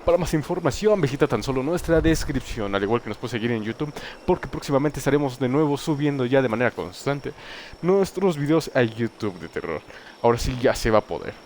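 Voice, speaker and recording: A man's voice: mid-range voice, brisk, a little hiss or hum. A man casually talking to his stream viewers and plugging promo codes before starting a game. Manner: relaxed, addresses viewers, plugs sponsor codes. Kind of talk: casual gameplay chat.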